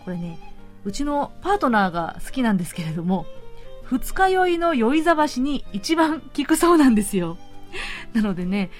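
A woman hosting a radio show, chatting politely about a recipe and signing off with soft laughs. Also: fairly high pitch, very animated, moderate pace, faint music behind. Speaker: radio host.

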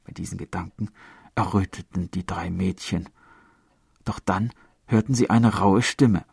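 Gravelly low-voiced male storyteller. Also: darkish tone, dry recording, clean studio sound. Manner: measured, storytelling delivery. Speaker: narrator. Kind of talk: audiobook narration.

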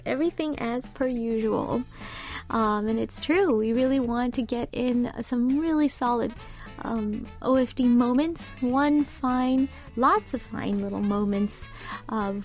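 Between songs, a woman radio DJ chats in a relaxed way with fillers and reads listener messages aloud into a studio microphone. Her accent is American English but unusual. She speaks at a measured pace in a slightly high voice, with soft music in the background.

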